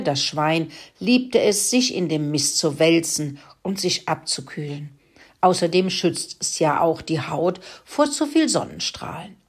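Slow, low-voiced woman reading a story. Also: gravelly, husky.

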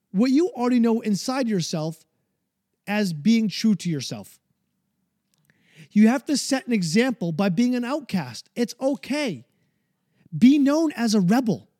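A man's voice: very high voice, mellow, dry recording, clean studio sound. A man hosting a podcast, delivering a fired-up, preachy motivational monologue and swearing freely. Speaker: podcast host.

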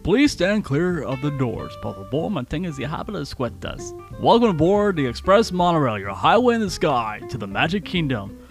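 A formal male transit announcer, as a podcast host puts him on, delivering slow, measured announcements. Faint guitar music plays under the voice. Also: a little high, sing-song.

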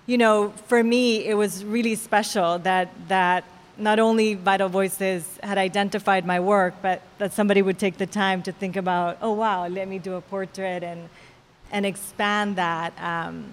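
A woman's voice: medium pitch, flat delivery, normal speed. Earnest woman activist, reverberant gallery. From El Salvador. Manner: earnest, heartfelt, filler-laden. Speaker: activist panelist. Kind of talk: live panel talk. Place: art gallery.

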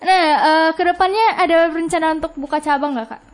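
Young woman host, high voice, chatty and responsive casual interviewer. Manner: chatty, responsive, quick with affirmations and laughs.

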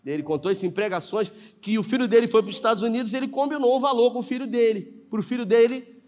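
Animated Brazilian pastor preaching. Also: male voice, extremely high pitch, quick pace. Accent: Brazilian Portuguese. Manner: animated preaching, acts out dialogue in voices. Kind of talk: live sermon. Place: church sanctuary.

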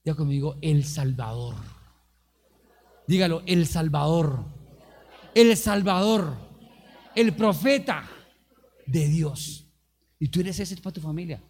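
Guy preaching hard, kinda high gravelly husky voice, acts stuff out. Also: a little slow, long pauses. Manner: animated preaching with acted-out quotes and calls to the congregation. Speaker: youth pastor. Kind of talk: energetic sermon.

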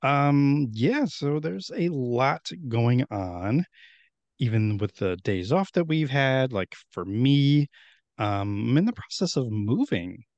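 A man's voice: medium pitch, animated, slow pace, darkish tone, no room sound, highs cut off. A man in his thirties hosting a podcast in a rambling, friendly way, with many restarts. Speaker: podcast host. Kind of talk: casual podcast chat.

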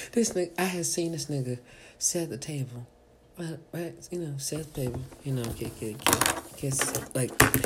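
A woman's voice: rumbling low, slightly rough. A woman hosting a casual show, telling rambling, profane comic stories and acting out the people in them. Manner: profane, animated, acts out quoted voices. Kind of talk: rambling comedic storytelling.

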